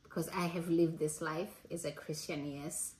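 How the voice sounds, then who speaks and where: Earnest low-voiced woman in her forties. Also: fairly even intonation, darkish tone, poor audio. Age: 40s. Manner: earnest, thoughtful, with restarts and pauses. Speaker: host. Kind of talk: reflective casual talk.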